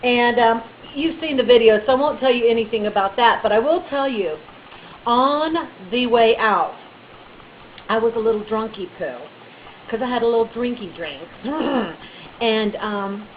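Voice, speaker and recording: A woman telling a funny personal story in a chatty, animated way, with bits of playful baby talk. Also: fairly high pitch, measured pace, narrow, tinny audio, a little hiss or hum. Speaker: vlogger.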